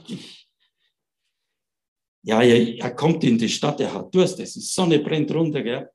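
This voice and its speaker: Man, preaching in a chatty way, mid-pitched, checks in with listeners. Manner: retells scripture in lively everyday speech, asks listeners "ja?". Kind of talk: informal Bible talk.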